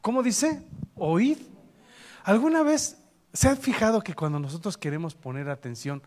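A man preaching a sermon as pastor, lively and joking, asking the congregation questions. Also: high-pitched, moderate pace.

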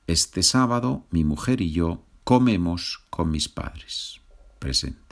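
A man with a very deep, low voice gives a Spanish grammar lesson. He speaks slowly and patiently, repeats each example and checks that the learner is following. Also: lively intonation. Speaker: Spanish teacher. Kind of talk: slow, clear grammar lesson.

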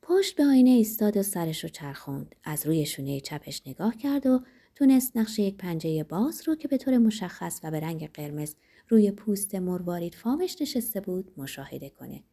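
Dark-voiced woman narrating dramatically. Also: fairly low pitch, very animated. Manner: dramatic, varied delivery. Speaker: audiobook narrator. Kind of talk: expressive audiobook narration.

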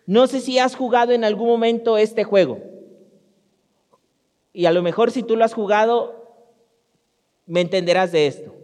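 High-voiced pastor preaching. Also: male voice, normal speed, long pauses, a little mellow. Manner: speaks directly to the congregation, storytelling with frequent restarts. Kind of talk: conversational sermon. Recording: long hall reverb.

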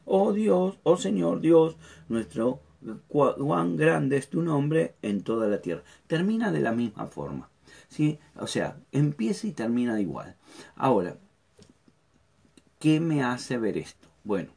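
A man's voice: on the low side, a little mellow. A man teaching a Bible study, hesitant, with many fillers, often checking in with his listeners.

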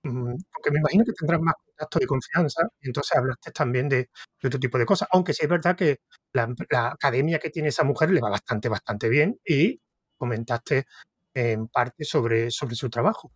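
A male podcast host from Córdoba, Spain, with an Andalusian Spanish accent, conducts a casual interview conversation, rambling, hesitating, and restarting his thoughts. His medium-pitched voice has a breathy edge at normal speed, captured in studio quality with no room sound.

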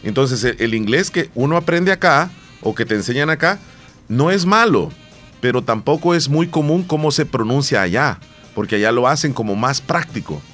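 A man from El Salvador co-hosts a relaxed talk show. He rambles and circles back, often repeating a word before he finishes his thought. Faint music plays behind him. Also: medium pitch, moderate pace. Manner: rambling, repeats words and restarts. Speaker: podcast co-host. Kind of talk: casual radio-style chat.

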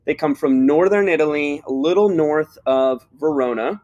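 A man's voice: a little high, moderate pace, a little mellow, muffled recording. A man co-hosting a podcast in casual chat, upbeat and jokey, often stopping to explain terms. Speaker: podcast co-host.

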